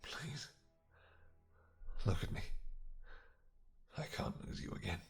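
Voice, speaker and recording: A man's voice: slow, soft background music, lightly acted. A man voicing a lovesick, possessive and menacing vampire king in a romantic fantasy audio roleplay, intense and dramatic. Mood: tender, obsessive. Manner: intense, dramatic, swinging from snarls to whispers.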